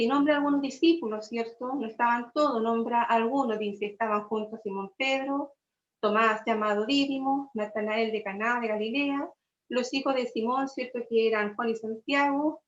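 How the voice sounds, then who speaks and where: A woman's voice: fairly high pitch, moderate pace. A woman with a Chilean accent preaches a sermon in a slightly raised voice. She checks in with her listeners after almost every phrase and calls them her brothers. The sound is dull and lo-fi, with plenty of room echo. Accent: Chilean Spanish. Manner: tags nearly every phrase with a questioning aside, addresses listeners as brothers. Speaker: church preacher. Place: church hall.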